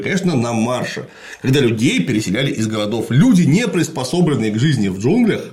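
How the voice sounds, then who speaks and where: A man with a mid-range voice explains history in a patient, lecturing way, his intonation rising and falling a lot. He uses frequent fillers and often pauses and restarts.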